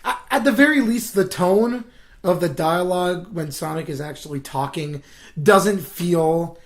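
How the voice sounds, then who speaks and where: A young man co-hosting a podcast in casual chat, eager, talkative and quick to laugh. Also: high voice. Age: young adult. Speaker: podcast co-host, animator.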